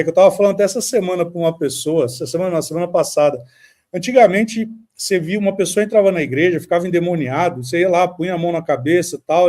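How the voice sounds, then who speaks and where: A middle-aged Brazilian man co-hosts a podcast, telling stories in an animated, conversational way. His voice sits high for a man. His tone is dark and mellow, and he peppers his talk with casual tags. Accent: Brazilian Portuguese. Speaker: podcast co-host. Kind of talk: casual chat with storytelling.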